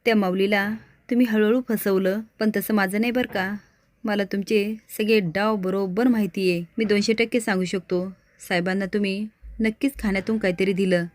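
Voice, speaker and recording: A bold young man who will not back down, laying out accusations in a firm, steady, fast voice, as a woman narrator puts him on. The sound is close and dry, with no room around it. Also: medium pitch, no room sound, natural voice. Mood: accusing. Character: young man standing up to a scheming rich woman.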